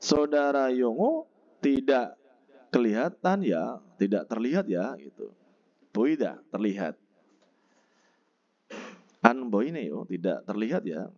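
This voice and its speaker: A man teaching a textbook vocabulary lesson, slowly explaining and repeating each word and its pronunciation. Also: mid-range voice, sing-song, a little mellow, dull audio. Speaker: Korean language teacher.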